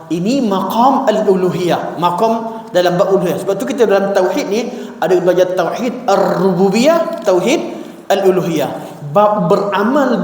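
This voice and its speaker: A high-pitched Malaysian Malay man preaches in a mosque prayer hall, animated and rhetorical as he acts out heartfelt prayers and quotes. His voice rings through a very echoey room with a long reverb tail. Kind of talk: mosque religious talk.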